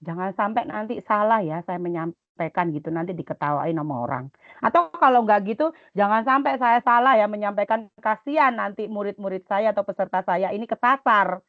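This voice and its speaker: A middle-aged woman with an Indonesian accent, coaching students and teachers in a webinar, instructive and lively, sometimes dropping to soft murmured chants. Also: medium pitch, brisk, phone-quality sound. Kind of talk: webinar talk.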